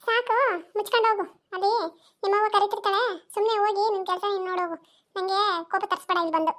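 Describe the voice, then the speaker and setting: A shrill, very high cartoon mother, sharp-tongued and always scolding, voiced by a woman. She fires off her complaints at a brisk clip, nagging without pause. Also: fairly even intonation. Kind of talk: cartoon voice acting.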